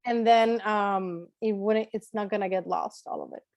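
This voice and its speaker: Against crowd noise, a woman from Chile speaks at normal speed in a medium-pitched voice with fairly even intonation. As a tour guide leading an informal online lecture with a Q&A, she explains points and keeps checking in with listeners, tagging her sentences with "right" and "okay."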